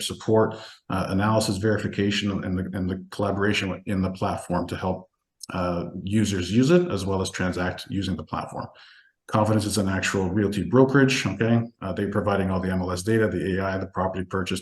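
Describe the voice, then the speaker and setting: Brief: low-pitched male webinar presenter, fast and chatty, keeps asking listeners if they follow, roomy echoey video call audio. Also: steady tone. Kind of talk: casual sales presentation.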